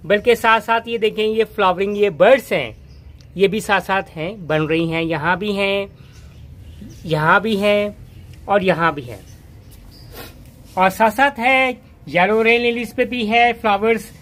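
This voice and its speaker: A man's voice: high-pitched, a bit bright. Rambling man showing his garden. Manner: rambling, with frequent restarts and cut-off words. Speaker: gardening channel host. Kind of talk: casual gardening walkthrough. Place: outdoors on a rooftop garden.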